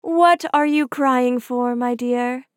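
A woman reading a storybook voices the fairy godmother as a kindly older woman who speaks gently and coaxingly, slowing down on her words. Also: high-pitched, no echo, clean studio sound.

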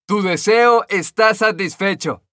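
A man voicing a kindly female fairy godmother who grants wishes in a raised, bright, solemn voice in a storybook reading. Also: high voice, takes it slowly, no room sound, clean studio sound, pitched above the performer's own voice, heavily acted. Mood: solemn granting.

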